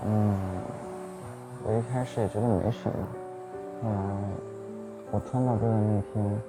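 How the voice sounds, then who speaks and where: A man's voice: on the low side, steady tone, moderate pace, natural voice. A man playing a troubled young man who confides hesitantly, in naturalistic audio drama style. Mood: uneasy. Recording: music under the voice.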